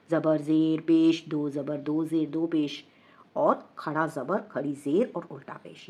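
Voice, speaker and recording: A patient woman with a Pakistani Urdu accent teaching, her voice sitting on the low side. She explains each rule step by step, quizzes her students and slowly draws out the recited Arabic words. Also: breathy edge, highs cut off.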